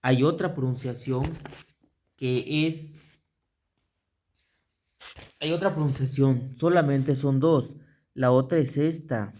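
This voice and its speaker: A man gives a slow, patient lesson, spelling out each letter and saying it again and again. His pitch sits in a plain middle range, and he stops and restarts now and then as he writes. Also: steady tone, a little mellow. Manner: halting, with restarts while drawing. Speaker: teacher. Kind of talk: explanatory lesson on pronunciation.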